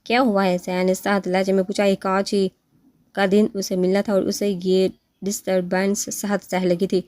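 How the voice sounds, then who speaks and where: A woman reading an audio novel aloud in a steady storytelling manner. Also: mid-range voice, no echo, studio quality. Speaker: narrator.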